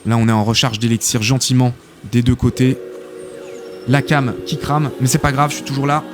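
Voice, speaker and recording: A man casting a live esports tournament as host, excitable and chatty, full of filler interjections. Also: mid-range voice, moderate pace. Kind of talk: live game commentary. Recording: game music behind the voice. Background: game music.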